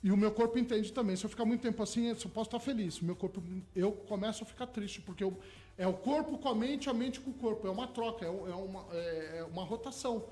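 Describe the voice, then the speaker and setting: A man's voice: high-pitched, quick pace, mellow, faint music behind. A man, a hypnotherapist guest in a radio studio, eagerly explaining his ideas with everyday examples. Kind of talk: radio interview.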